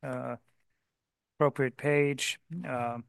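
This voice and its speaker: A man serves as chair of a public board meeting. He calls motions and votes in a formal, procedural way, pausing often. His voice is mid-pitched and recorded dry. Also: level tone, vocal fry, clear, resonant tone, no room sound. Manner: formal, procedural, halting with fillers. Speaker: commission chair.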